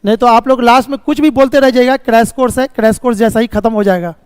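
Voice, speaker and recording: A man's voice: extremely high pitch, fairly even intonation, quick pace, clean tone, no echo, in a large hall. A man teaching a reasoning class live, explaining step by step, checking often if students follow, and sometimes scolding them about the course. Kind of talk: live online class lecture.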